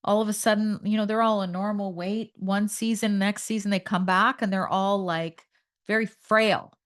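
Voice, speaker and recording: A woman from Canada hosts a nutrition podcast and speaks straight to her listeners. Her delivery is emphatic and animated, and she leans hard on the key points. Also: mid-range voice, moderate pace. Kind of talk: health podcast talk.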